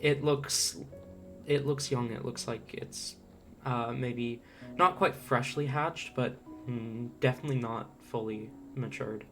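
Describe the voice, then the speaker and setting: A game master improvising narration for a tabletop role-playing game, halting and thinking aloud. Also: medium pitch, steady tone. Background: faint guitar music.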